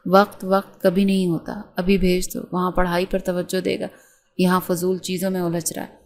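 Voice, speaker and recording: A woman's voice: fairly low pitch, monotone, darkish tone, lightly acted. A woman voicing a cold, harsh middle-aged stepmother who speaks in curt commands. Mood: stern.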